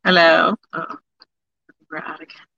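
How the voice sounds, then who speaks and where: A clinic guest speaking from inside a car over a video call that keeps freezing and breaking up, giving brief, halting replies. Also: mid-range voice, level tone, gravelly, background noise. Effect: choppy video call audio that freezes and breaks up. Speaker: guest from a kidney care clinic. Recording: dull, lo-fi video call sound.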